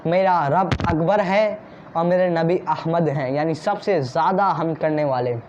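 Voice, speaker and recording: A man's voice: a little high, a little slow, dull audio, noisy background. A man preaching a devotional sermon with fervour, using rhetorical questions to stir his listeners. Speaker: Islamic preacher.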